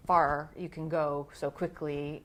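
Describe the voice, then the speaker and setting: Soft-spoken woman interviewer with a low voice. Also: little pitch movement, takes it slowly. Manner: encouraging, frequent soft "mm" backchannels. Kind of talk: conversational interviewing.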